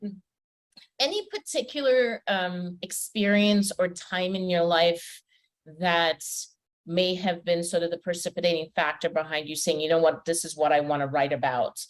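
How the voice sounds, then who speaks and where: A woman's voice: on the low side, steady tone, moderate pace. A woman from Trinidad and Tobago hosting a podcast interview, chatty and welcoming, with frequent fillers. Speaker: podcast host and personal development coach. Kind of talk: conversational interview.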